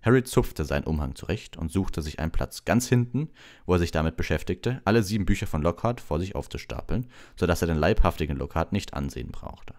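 A man reading an audiobook aloud as calm, relaxed bedtime storytelling. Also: sits low, fairly quick. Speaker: audiobook narrator.

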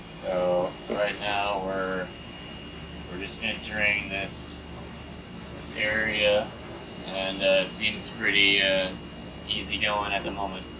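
A man's voice: fairly low pitch, level tone, slow pace, long pauses, noisy background. A man narrating casually aboard a sailboat as he skippers it, matter-of-fact and explaining as he goes. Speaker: sailing vlogger and boat skipper. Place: aboard a sailboat on open water, outdoors. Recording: voice with background music. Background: music playing under the voice.

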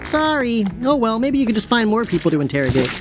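A woman's voice: a little high, big pitch swings, quick pace, background noise. A woman voicing a perky female AI detective device, sing-song and upbeat, in video game dialogue.

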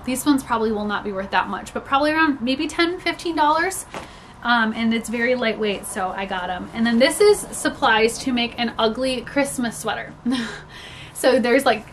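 Her fairly high, fairly bright voice comes with a little hiss or hum. A young adult reseller vlogger, a little stuffed up from a cold, she cheerfully runs through a thrift haul in a small home room with storage bins, chatting casually with frequent "like" and laughter.

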